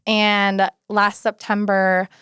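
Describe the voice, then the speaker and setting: A woman's voice: mid-range voice, takes it slowly, smooth, no echo, clean studio sound. A woman in her early thirties, a guest in an interview, telling her story in a casual way and acting out quoted remarks along the way. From Alaska, United States. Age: 30s. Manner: storytelling, animated quoted asides. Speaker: guest, city housing and homelessness coordinator.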